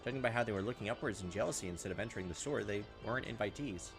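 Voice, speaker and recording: Rapid-fire and gravelly, a lowish-voiced gaming host reads visual novel text in a casual let's play. Offhand jokes and reactions punctuate his reading, backed by the game's music.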